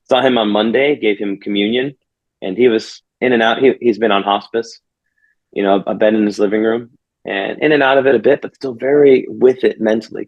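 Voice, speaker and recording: A man's voice: on the low side, muffled recording. A man, a pastor, telling a personal story in an interview, earnest and reflective, often restarting his phrases. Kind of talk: conversational storytelling.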